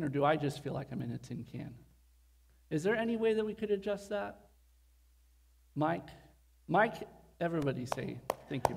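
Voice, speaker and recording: A man's voice: mid-range voice, gravelly, a little mellow. A male pastor giving a casual, conversational sermon in a church, his voice sounding like it comes from an echoing tunnel over the speakers. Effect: echoing tunnel-like sound through the church speakers. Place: church building. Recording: echoey hall sound.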